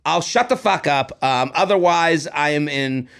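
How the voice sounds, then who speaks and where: Comedy podcast guy in his 30s, high voice w/ lots of gravel, hyped and rambly. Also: measured pace. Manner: excitable, rambling self-promotion. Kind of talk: casual podcast chat.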